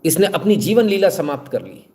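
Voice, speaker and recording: A man's voice: high-pitched, big pitch swings, a little fast, mellow, a little hiss or hum. A man hosting live news commentary, talking straight to viewers with sarcastic, rhetorical questions.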